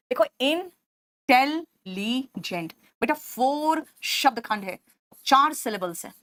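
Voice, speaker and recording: A woman teaching English grammar to an online class, with a fairly high voice. She explains patiently, addresses students by name and as "beta", and keeps asking "right?" to check they follow. The sound is close and very dry, with no room echo. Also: sharp tone.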